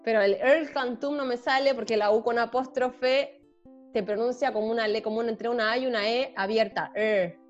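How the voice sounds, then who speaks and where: Chatty Chilean woman, slightly high voice. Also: fairly even intonation. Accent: Chilean Spanish. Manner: chatty and self-deprecating, many fillers, quick asides. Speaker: band member introducing herself. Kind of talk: casual group chat. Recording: slightly muffled, faint guitar music behind.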